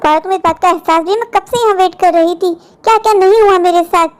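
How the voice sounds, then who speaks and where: Brief: a strict lecturing colleague, fast-talking and shrill-high, played by a woman. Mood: scolding. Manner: scolding, lecturing. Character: strict bossy office woman, impatient. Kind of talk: cartoon voice acting.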